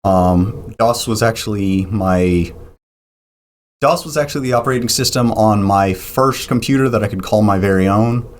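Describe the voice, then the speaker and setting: Man explaining software builds in detail. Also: fairly low pitch, normal speed. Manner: detailed, explanatory, frequent ums and restarts. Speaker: podcast guest. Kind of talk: casual technical interview.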